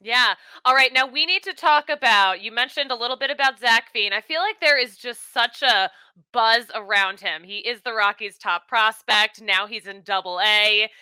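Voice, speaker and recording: A woman hosts a sports interview, upbeat and chatty as she asks her questions. Her voice sits a bit high, very bright and smooth. The sound is dry and close. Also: moderate pace, no echo.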